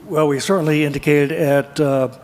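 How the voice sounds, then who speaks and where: A man's voice: on the high side, steady tone, a little mellow. A man on a city council firmly stating his objections and citing the code. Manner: firm, deliberate, cites the code. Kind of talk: council deliberation. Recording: long reverb of a council chamber.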